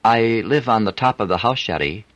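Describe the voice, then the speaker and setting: A man's voice: lowish voice, expressive, moderate pace, a bit bright, no echo, muffled recording, pitched above the performer's own voice. Man doing a flirty French streetwalker. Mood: teasing. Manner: teasing, coaxing, broken English.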